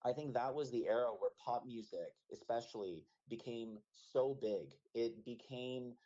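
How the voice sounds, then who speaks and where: A man's voice: medium pitch, normal speed, dark tone. A man in his thirties from Canada, a musician being interviewed on the radio, talking thoughtfully with many fillers and restarts. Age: 30s. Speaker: musician guest. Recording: dull lo-fi radio audio.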